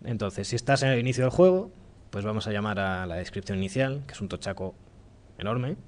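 A man with a Spanish accent from Spain giving a relaxed, joking live-coding talk in a lecture room, thinking aloud as he goes. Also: lowish voice, brisk. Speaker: conference speaker.

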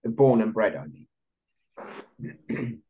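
A man's voice: on the low side, sing-song, extremely slow, slightly rough. A man interviewing a football coach on a video call, asking careful, probing questions. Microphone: video call laptop mic. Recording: dull lo-fi video call audio.

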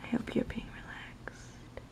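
Softly whispering young woman, slow ASMR chat. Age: young adult. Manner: gentle, unhurried, soothing murmur. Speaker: ASMR video maker.

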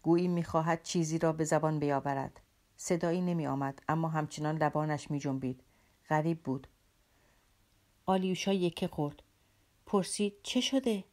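Low-voiced woman narrating an audiobook. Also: steady tone, a little mellow. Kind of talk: scripted literary narration.

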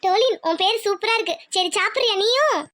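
A woman's voice: very high-pitched, brisk, fairly bright tone. A woman voicing a young village bride in a homemade cartoon, pleading and tearful. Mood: kind. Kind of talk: cartoon voice acting.

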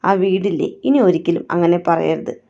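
A woman doing a gentle young man comforting. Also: lowish voice, steady tone, normal speed, creaky. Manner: soothing, reassuring. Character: young man, gentle loyal brother-in-law. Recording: dull lo-fi recording.

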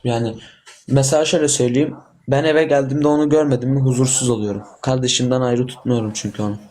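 A young man in his late teens with an average-pitched voice. He talks earnestly and casually on a livestream, addressing his elders politely and with deference. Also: steady tone, fast, darkish tone, slight background noise. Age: teenager, seventeen. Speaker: livestream guest.

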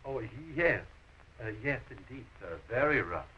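Animated, stagey old-movie young suitor. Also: male voice, mid-range voice, measured pace. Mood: wounded, dry. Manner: eager, polite, stagey. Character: earnest, polite young suitor, eager and smitten. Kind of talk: stagey 1920s early talkie film acting. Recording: noisy, muffled 1920s film soundtrack.

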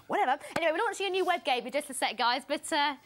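A young woman presenting children's TV in a bubbly, excitable, giggly way. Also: sits high, very fast, a little hiss or hum. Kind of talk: lively kids' TV presenting.

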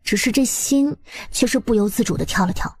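A woman's voice: a little high, a little fast, a little mellow, slightly rough, dry recording. A woman narrating a webnovel story expressively, in a colloquial, dramatizing storyteller's manner.

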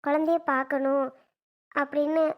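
A woman plays a young new mother pleading with her father in a family drama skit. Her voice is high and stays on a fairly even pitch, and she keeps pressing her point. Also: moderate pace, lo-fi sound, close to an everyday voice. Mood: insistent. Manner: pleading, insistent.

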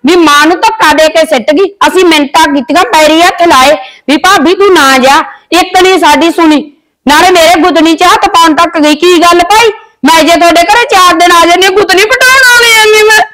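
A woman playing a sharp-tongued married daughter. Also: high-pitched, a little fast, rough recording. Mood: tearful. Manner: scolding, tearful. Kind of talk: village family drama acting.

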